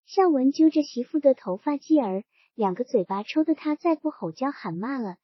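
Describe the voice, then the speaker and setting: A woman narrating a novel as an audiobook, giving the characters' dialogue its own loudness and drive. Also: sits high, lively intonation, moderate pace, slightly rough, dry recording. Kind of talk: storytelling audiobook reading. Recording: muffled dry recording.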